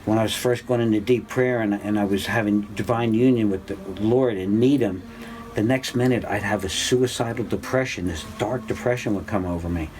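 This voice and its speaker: A man in his sixties giving an informal spiritual class, rambling and conversational with many fillers and restarts, climbing to a high, animated pitch when excited. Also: a little fast, slight background noise, rough recording. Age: 60s. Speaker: spiritual teacher. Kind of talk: informal religious class talk.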